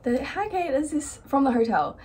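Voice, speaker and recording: A young woman, telling stories to her camera in an animated, chatty way, full of "like", from a small hotel room. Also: sits high, moderate pace, a little hiss or hum. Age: young adult. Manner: chatty, animated storytelling, lots of "like". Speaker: vlogger. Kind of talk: casual chat.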